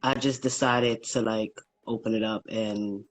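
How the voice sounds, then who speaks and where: A man from Brooklyn with a New York accent, a guest talking haltingly with many ums and likes in a casual livestream interview. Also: on the low side, fairly even intonation, poor audio. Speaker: guest, small business founder. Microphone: phone livestream.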